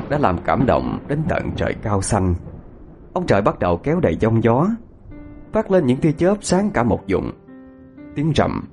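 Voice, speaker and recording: A man's voice: mid-range voice, darkish tone. A man narrating a tragic tale in a dramatic, mournful way. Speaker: storyteller.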